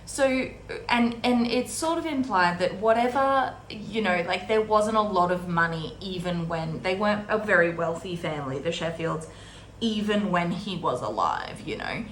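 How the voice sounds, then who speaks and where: This readalong host has a lowish voice with lively intonation, speaking at a normal speed. She discusses the book casually and wryly from an indoor desk, digressing with asides, and the audio from a camera on or near the desk carries roomy echo and background room noise.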